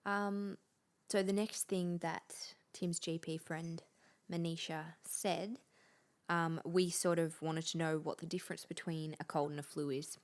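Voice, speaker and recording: A woman co-hosting a podcast, asking questions and chiming in with quick agreement. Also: fairly low pitch, steady tone. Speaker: podcast co-host. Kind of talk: casual chat.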